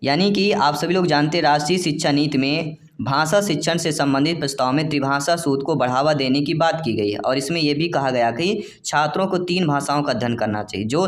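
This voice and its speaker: A male coaching teacher giving an online exam-prep lesson, reading each question slowly, then explaining it plainly and calling viewers dear friends. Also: a little high.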